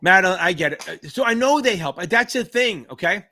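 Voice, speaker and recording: A man's voice: high voice, lively intonation, a little fast. Hyped, profane man hosting a live Q&A. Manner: hyped, profane, shouty cheers; reads out viewer names and answers them. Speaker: livestream host and exam tutor. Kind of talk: live Q&A chat.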